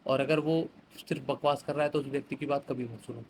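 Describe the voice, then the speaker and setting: Talking fast in a mid-range voice with fairly even intonation, a man chats his way through exam vocabulary, reading phrases aloud and explaining with everyday examples in Hindi sprinkled with English. The recording is low quality, with a faint hiss or hum.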